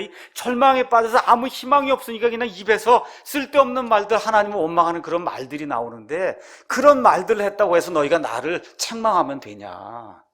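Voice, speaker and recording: A man's voice: sits high, a bit bright. A middle-aged male pastor giving an expository sermon, asking the congregation rhetorical questions and acting out anguished prayers.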